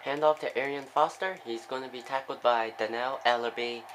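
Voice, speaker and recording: A young man giving casual play-by-play commentary on a football video game, with excitable bursts on big plays and chatty asides. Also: medium pitch, normal speed, slight background noise, rough recording.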